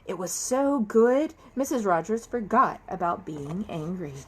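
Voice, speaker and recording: A woman reading a children's story aloud in an expressive storytelling style. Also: mid-range voice, measured pace, slight background noise. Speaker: storybook reader.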